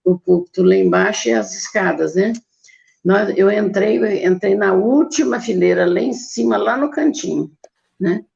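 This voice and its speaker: An older woman with a Brazilian Portuguese accent and a very gravelly voice, telling a personal testimony and acting out her own quoted words. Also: mid-range voice, moderate pace, warm tone, muffled recording. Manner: storytelling with acted quotes of herself. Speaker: guest giving testimony.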